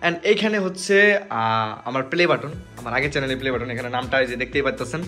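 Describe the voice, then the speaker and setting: Fast-talking young Bangladeshi man, chatty. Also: mid-range voice, animated, a bit bright. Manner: chatty, joking, informal. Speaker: vlogger hosting a food challenge. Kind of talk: casual vlog chat. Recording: roomy echo, music underneath.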